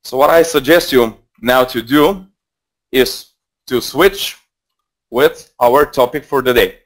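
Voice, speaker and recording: This trading mentor, a Bulgarian in his twenties with a matching accent, speaks slowly in a mid-range voice. He presents his live webinar on a headset mic in an offhand, wandering style, often restarting and using fillers.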